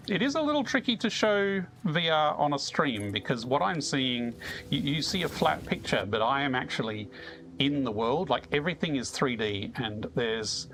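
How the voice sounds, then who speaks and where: An Australian man chatting casually with viewers as he streams a video game, easygoing and quick to chuckle. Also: mid-range voice, a bit bright. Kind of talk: casual live-stream chat while playing.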